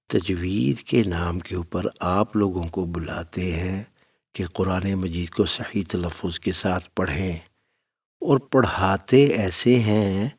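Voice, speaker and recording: A man's voice: low voice, slightly rough, distant mic. A man teaching Quran recitation in a spoken lesson, talking to his students in a fatherly way and giving firm step-by-step instructions. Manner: fatherly, addresses listeners as "my son".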